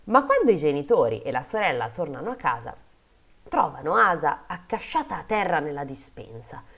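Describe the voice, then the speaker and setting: Low-voiced woman reading fairy tales. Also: sing-song, normal speed, a bit bright. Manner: playful, breaks off into jokey comments and laughter. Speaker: podcast host reading fairy tales aloud. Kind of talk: storytelling read-aloud with casual asides.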